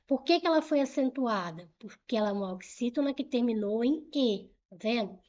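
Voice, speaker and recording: A middle-aged woman with a slightly high voice teaches grammar in an online exam-prep lesson. She explains each rule step by step, repeats key points and asks the viewer rhetorical questions, urging them along briskly. The recording sounds dull and muffled. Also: lively intonation, darkish tone.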